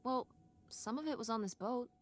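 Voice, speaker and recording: A woman's voice: a little high, normal speed, close to an everyday voice. An actress playing a wry middle-aged mother in a video game, speaking in a dry, teasing way. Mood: musing.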